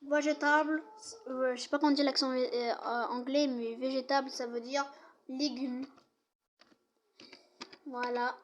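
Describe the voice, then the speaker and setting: A woman's voice: high-pitched, level tone, slow pace, pauses often, slight background noise. A young woman giving a casual home video lesson, chatty and apologetic, often restarting her sentences. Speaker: youtuber teaching English words.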